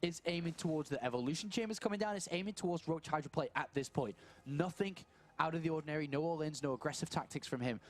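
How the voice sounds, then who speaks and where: A man casting a live strategy game match, thinking aloud in quick questions and answers. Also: fairly high pitch. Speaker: esports caster.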